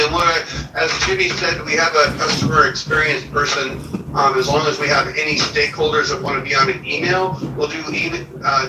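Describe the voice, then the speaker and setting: A man who works as a restoration contractor gives a steady, matter-of-fact update over a speakerphone, with frequent ums. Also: mid-range voice. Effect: heard over a speakerphone. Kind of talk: spoken project update. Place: county meeting room, via phone. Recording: speakerphone in an echoey meeting room, distant and noisy.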